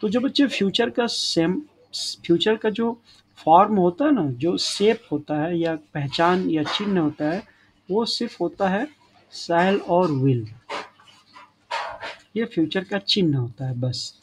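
A man's voice: high-pitched, lively intonation, slow pace, rough recording. A man with a slightly raised voice gives a grammar lesson and keeps checking that his students are following along. Faint background hiss sits under the recording. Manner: addresses students as children, frequent checking tags. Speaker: English teacher.

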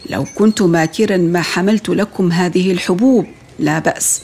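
A woman voicing a cunning, smiling male fox in a children's storybook, with a coaxing, smooth way of talking. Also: on the low side, a little fast, darkish tone, pitched below the performer's own voice.

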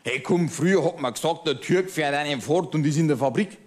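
A man's voice: on the high side, fairly quick, natural voice. A cabaret comedian playing a bigoted, middle-aged Bavarian man who rants smugly and keeps asking "verstehst?", speaking with a Bavarian accent. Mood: smug ranting. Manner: ranting, self-satisfied, keeps asking "verstehst?". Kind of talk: cabaret monologue.

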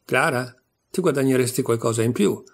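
A man voicing a gentle, kindly middle-aged restaurant owner and chef in a storybook reading. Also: medium pitch, fairly quick, lightly acted. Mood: coaxing.

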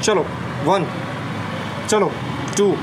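Young male trainer, high voice, brisk coaching cues, rooftop shoot with traffic noise behind. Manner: energetic coaching, repeated "slowly slowly" and counting cues. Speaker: fitness trainer. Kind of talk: home workout demonstration. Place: rooftop terrace outdoors. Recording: noisy outdoor rooftop recording. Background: outdoor street ambience, vehicles.

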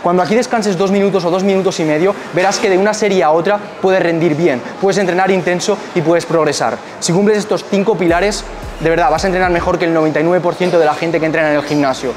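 A man's voice: on the high side, fast talker, a little hiss or hum. A young man, a fitness coach, giving direct gym advice to the camera in an indoor gym, with rhetorical questions, on a clip-on mic. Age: young adult. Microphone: small clip-on mic on shirt. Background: background music.

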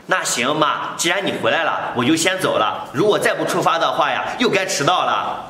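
A man playing a caring young husband in a short family drama, speaking gently and coaxingly. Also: a little high, expressive, a little fast. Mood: worried. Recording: echoey room, faint background noise.

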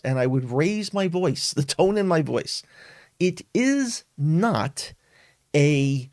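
A man's voice: on the high side, darkish tone, dry recording, studio quality. A man hosting a weekly live webinar, talking earnestly and emphatically with frequent restarts and fillers. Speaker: webinar host. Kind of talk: live-streamed tech talk.

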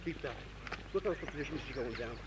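A man's voice: mid-range voice, lively intonation, quick pace, heavy background noise. A man chatting informally and passing instructions as a soldier on an outdoor training exercise. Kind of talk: informal field chat and instructions. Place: outdoors on open moorland. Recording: outdoor camcorder recording amid many voices.

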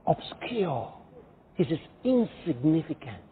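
A man's voice: a little high, sing-song, slow pace, slight background noise. A male pastor preaching a sermon emphatically, firing rhetorical questions at the congregation. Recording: thin, phone-like sound.

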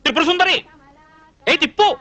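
A flustered young bachelor in a film comedy, scolding in quick, exasperated bursts. His pitch leaps around wildly, and the sound is close and dry. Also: lively intonation, sharp tone, dry recording, heavily acted. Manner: exasperated rapid scolding with comic outbursts. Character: flustered young bachelor man, scolding yet soft-hearted. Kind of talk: Telugu film comedy dialogue.

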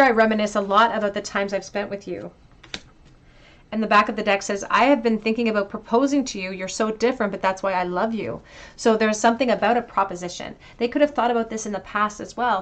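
A woman giving a pick-a-card tarot reading, speaking gently and reflectively straight to the viewer. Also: medium pitch, fast, a little hiss or hum. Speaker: tarot reader.

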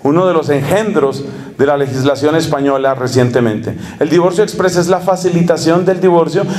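A man's voice: on the high side, fairly quick, darkish tone. A man with a Colombian Spanish accent preaching a sermon, emphatic and ironic, full of rhetorical questions.

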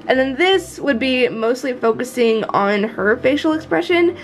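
A young adult American woman from Florida, a vlogger who also develops visual novels, chats candidly and informally about her own project in a casual vlog. Her voice sits high and animated at a moderate pace, recorded in a small indoor room at home with faint music behind her.

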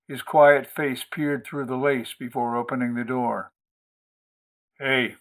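A man hosting and reading an audiobook chapter in a steady, measured narration. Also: mid-range voice. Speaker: audiobook host and reader.

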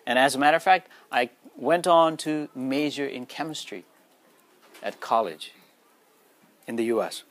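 A man from Nepal in his forties, speaking his native Nepali, gives an earnest motivational talk to schoolchildren and often asks them questions to check in. His voice sits at medium pitch, unhurried and marked by long pauses.

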